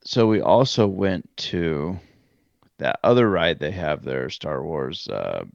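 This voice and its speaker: A man's voice: low voice, expressive, takes it slowly, creaky, no room sound, lo-fi sound. A man co-hosting a podcast, telling a rambling trip story in casual chat and correcting himself as he goes. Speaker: podcast co-host.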